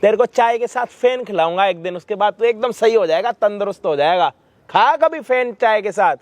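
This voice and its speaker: A man's voice: sits high, lively intonation, brisk. A male host staging a street confrontation, scolding and mocking with abusive words.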